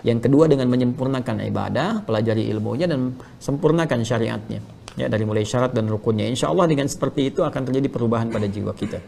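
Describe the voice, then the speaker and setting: A man preaching a sermon in a gravelly, creaky voice at a brisk clip. He recites Arabic prayers and then explains them in earnest paraphrase, and puts rhetorical questions to his listeners. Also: medium pitch, noisy background.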